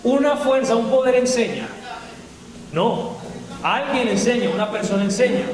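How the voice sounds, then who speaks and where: A man's voice: very high-pitched, expressive, moderate pace. A man preaching a Bible doctrine lesson to a church, asking the congregation questions and answering them himself. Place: church hall. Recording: echoey hall, mic far off.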